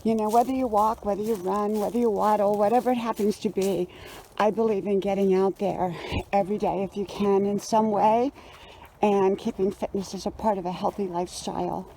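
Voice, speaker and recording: A woman's voice: medium pitch, steady tone, brisk, slight background noise, low-quality recording. Chatty woman in her sixties, talking while running. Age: 60s. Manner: gently advising, homespun. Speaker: vlogger with a wisdom channel. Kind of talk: casual vlog monologue while out on a run. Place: outdoors on a trail and roadside.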